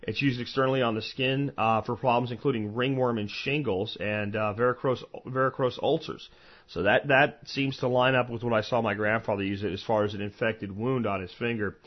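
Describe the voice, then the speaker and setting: A man's voice: medium pitch, steady tone, fairly quick. An American man hosting a podcast solo, talking informally and conversationally, rambling through asides and personal recollections. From eastern United States, Florida and Pennsylvania. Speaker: podcast host. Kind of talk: informal solo podcast talk on medicinal plants. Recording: dull, lo-fi podcast audio.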